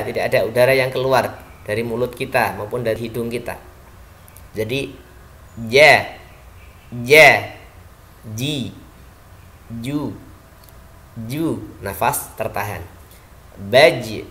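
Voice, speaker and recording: Slow-spoken Indonesian Quran teacher man. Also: mid-range voice, fairly bright tone. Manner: slow, deliberate recitation of Arabic verses, then quicker explanations; repeats single syllables to model pronunciation. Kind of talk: tajweed lesson with call-and-repeat drills.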